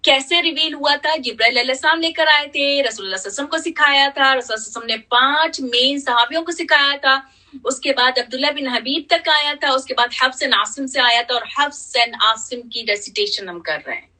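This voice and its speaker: A woman's voice: high voice, sharp tone, distant mic, low-quality recording. A woman teaching tajweed, patiently repeating letter sounds and mixing in English. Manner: patient, repeats sounds slowly, checks in with "theek hai"; switches between Hindi-Urdu and English. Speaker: Quran recitation teacher. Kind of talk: tajweed lesson with demonstrated recitation.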